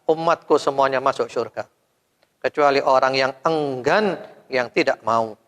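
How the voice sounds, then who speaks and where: A male preacher giving a sermon to a women's study group, firing rhetorical questions at his audience, with sudden loud rises and soft, trailing endings. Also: mid-range voice, unhurried. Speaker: Islamic preacher. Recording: long hall reverb.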